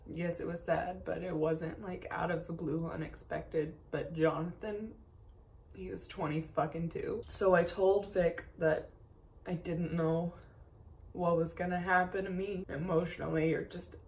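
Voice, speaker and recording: Young woman from texas, crying shaky voice, kinda low and gravelly, swears a lot, just venting to the camera. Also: steady tone, measured pace, a little mellow. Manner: candid, swears often, rambling. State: tearful, shaky voice. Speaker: vlogger. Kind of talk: personal confessional talk.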